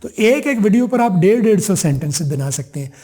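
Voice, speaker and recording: A high-pitched man with a mellow, soft-edged tone gives an English lesson. He stretches each example phrase out slowly, then hurries through the explanations around it. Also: expressive. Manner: slow drawn-out repeated example phrases between brisk explanation. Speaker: English teacher.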